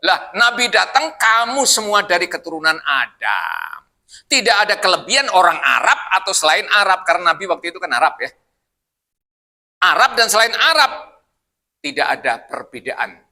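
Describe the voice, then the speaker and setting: A male preacher leading a Quran study in a mosque, with a very bright, forceful voice pitched a little high. He jokes and keeps asking his listeners questions, talking loosely and conversationally. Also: sing-song, normal speed. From Indonesia. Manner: jokey, asks the congregation questions, loose conversational.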